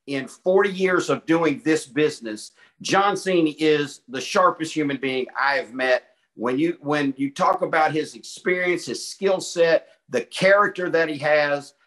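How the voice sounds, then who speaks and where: Man, late fifties, Southern twang, folksy, enthusiastic, bright tone, slightly high voice. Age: 50s. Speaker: call host. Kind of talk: hyped conference call intro.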